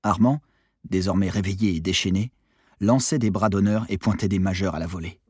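A man narrating an audiobook in a calm, quiet first-person manner. His voice sits low and a little husky, recorded close and dry with no room sound. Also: a little fast, no echo.

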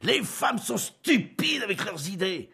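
A man reading an audiobook, voicing an irritable, quick-tempered young husband who shouts in exasperation. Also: high voice, big pitch swings, vocal fry, husky, voice pushed up, heavily acted. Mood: exasperated. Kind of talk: audiobook character voice.

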